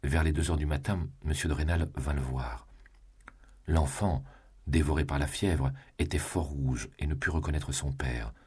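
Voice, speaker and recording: A man narrates an audiobook in a very low, deep voice. His tone is husky and breathy, and his delivery is measured and grave. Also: steady tone, a little mellow.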